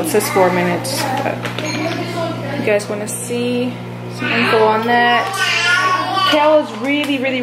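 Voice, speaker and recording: A young woman in her twenties chatting through a cooking vlog in her home kitchen, explaining each step to a handheld camera. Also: on the high side. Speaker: vlogger. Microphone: handheld camera close up.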